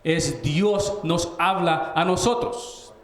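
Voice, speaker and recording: A man's voice: fairly high pitch, slow. A man giving a Bible teaching in a sermon style, explaining word meanings and asking his listeners rhetorical questions. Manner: explanatory, asks rhetorical questions, frequent restarts. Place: church. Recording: roomy echo.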